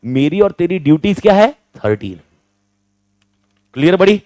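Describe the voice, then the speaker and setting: A male teacher giving a fast exam revision lecture, firing questions at students and answering them himself, repeating key points. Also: sits high, sing-song, warm tone, no echo.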